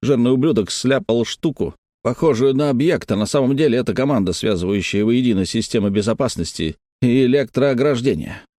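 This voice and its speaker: A man voicing a gruff, irritable male engineer who speaks bluntly and grumbles, in a read-aloud story. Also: medium pitch, fairly quick, hardly any pauses, dark tone, no echo, clean studio sound, lightly acted. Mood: grim, blunt.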